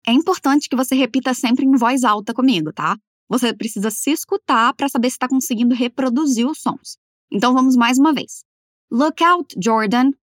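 Uma mulher dando aula de inglês em português, falando devagar e articulando as frases com cuidado para o aluno repetir. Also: female voice, sits high, dry recording, clean studio sound. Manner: slow, careful over-articulated model phrases. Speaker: English teacher. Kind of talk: language lesson, repeat-after-me drills.

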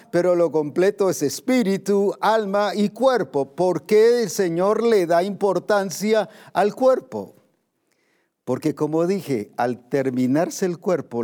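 A man preaching a sermon, emphatic, moving between raised and hushed delivery and slowing down to stress scripture. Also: on the high side.

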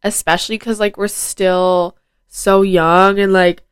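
A fifteen-year-old girl runs her own casual podcast from home, talking alone with many fillers into a mic plugged into her phone. Stuffed up and nasal from a cold, her medium-pitched voice stays level, unhurried and smooth, with clean studio-like sound and no echo.

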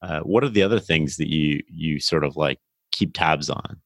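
Very deep-voiced male podcast host. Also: moderate pace, a bit bright, no room sound, studio quality. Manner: casual, probing questions. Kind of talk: interview questions.

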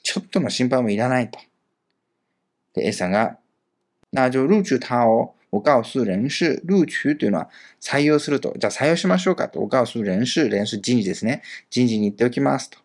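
Lively-voiced male language teacher. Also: medium pitch. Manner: reads each example slowly, then glosses it in a chatty way. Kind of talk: casual grammar explanation.

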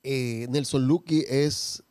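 A man, a comedian talking casually and reflectively with frequent pauses. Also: medium pitch, steady tone, darkish tone, clean tone, no room sound. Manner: measured, pauses often, reflective. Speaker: comedian and character performer. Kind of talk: casual conversation.

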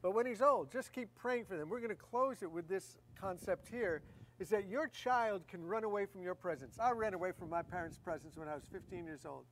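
A woman's voice: on the low side, fairly quick, a little hiss or hum. A woman preaching a sermon in a conversational way, often repeating key phrases for emphasis.

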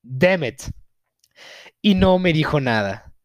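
A man's voice: a little high, lively intonation, slow pace, dry recording. A young man with a Mexican accent tells a viewer's story in a casual, profane, mock-outraged way, with frequent laughter.

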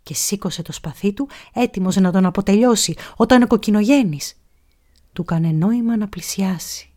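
A woman reading a children's pirate story aloud, expressive, dropping to a whisper at tense moments. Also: mid-range voice.

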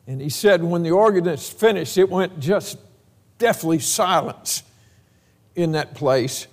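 An older man with a high-pitched voice, preaching in an easy, joking, storytelling way. He takes his time. The sermon rings through a church hall with a long reverb. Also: a little slow, a little mellow. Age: 70s. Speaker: pastor. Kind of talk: homecoming sermon. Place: church sanctuary.

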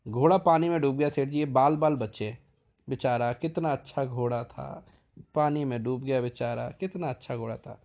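Brief: crafty trickster servant, shrill and loud, put on by a male storyteller. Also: normal speed, natural voice. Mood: mock grief. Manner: loud, high, wailing fake alarm. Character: cunning young male servant, sly trickster.

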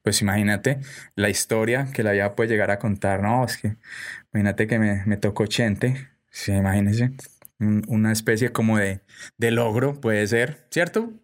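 A man's voice: fairly low pitch, normal speed. A young adult Colombian man hosting a casual commentary monologue, chatty and full of tag questions. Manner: chatty, peppers speech with "pues" and "¿cierto?". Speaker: host.

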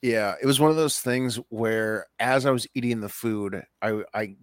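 A man co-hosting a podcast in casual chat, with dry humor and lots of halting fillers. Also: medium pitch, no echo. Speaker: podcast co-host.

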